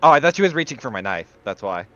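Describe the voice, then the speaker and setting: A man banters casually as a player in a tabletop game. His delivery is exclamatory and sweary, with big swings in pitch and a forceful edge. The recording is a little dull and lo-fi. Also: sing-song, quick pace.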